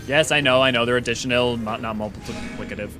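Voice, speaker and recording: A man hosting a casual livestream, reading viewer comments aloud and rambling excitedly with quick restarts. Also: mid-range voice, over music. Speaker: livestream host.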